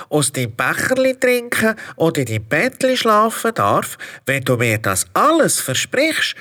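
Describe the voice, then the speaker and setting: A small male frog, played by a performer, pleads in a sing-song Swiss German voice. The tone is bright and sharp. He speaks slowly, with a lively rise and fall. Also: medium pitch, heavily acted. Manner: wheedling, sing-song calls.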